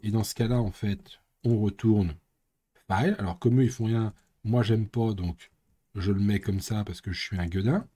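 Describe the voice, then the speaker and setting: A man's voice: lowish voice, steady tone, moderate pace, dark tone. A man streaming live coding, thinking aloud and muttering with playful sound effects. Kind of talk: casual live coding commentary.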